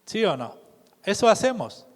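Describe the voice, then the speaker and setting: A man preaching a sermon in a measured way, often putting questions to the congregation. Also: high-pitched, sing-song. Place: church hall. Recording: reverberant church hall.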